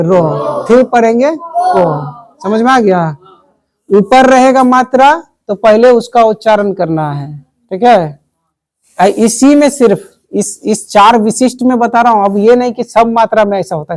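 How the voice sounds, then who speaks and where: A woman's voice: mid-range voice, a little mellow. Patient woman teaching class. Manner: patient, repetitive, keeps checking understanding. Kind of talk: classroom lesson. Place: classroom with pupils.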